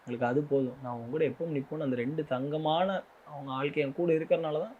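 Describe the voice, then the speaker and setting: A man's voice: a little high, narrow, tinny audio, slight background noise. A young man, an interview guest, speaking earnestly and with hurt about his family and his in-laws. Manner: earnest, hurt, rapid talk. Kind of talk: emotional interview.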